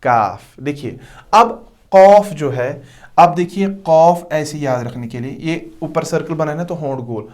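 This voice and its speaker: A man teaching pronunciation in a recorded lesson, who repeats each letter slowly and keeps checking that the listener understands. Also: a little high, a little mellow. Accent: Urdu-Hindi speaker. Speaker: Quran recitation teacher.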